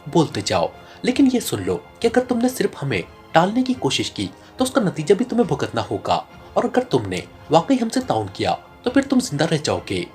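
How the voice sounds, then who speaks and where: A narrator voicing a calculating male secret agent who speaks in a flat, icy, menacing tone in an audiobook. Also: medium pitch, a little fast, soft background music. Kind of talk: audiobook character reading.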